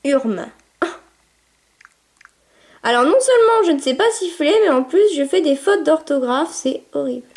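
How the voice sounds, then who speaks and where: A woman casually talking through a virtual pet game, chatty and excitable, cooing at her puppy and shouting commands. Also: sits high, moderate pace, long pauses. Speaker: gameplay video maker. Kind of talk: casual gameplay commentary.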